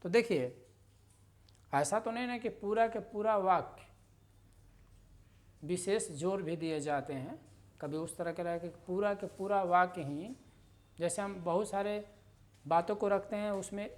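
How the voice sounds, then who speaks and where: A woman's voice: fairly low pitch, darkish tone. A woman teaching a grammar lesson, explaining step by step, stressing single words in her examples and correcting herself in passing. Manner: self-correcting, conversational asides.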